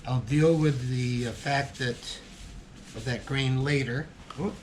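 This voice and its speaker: A man's voice: medium pitch, slow pace, a little mellow, slight background noise. A man hosting his own guitar-building vlog, talking casually and hesitantly, thinking aloud with frequent ums and restarts. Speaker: hobby guitar builder and channel host. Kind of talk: casual workshop vlog narration.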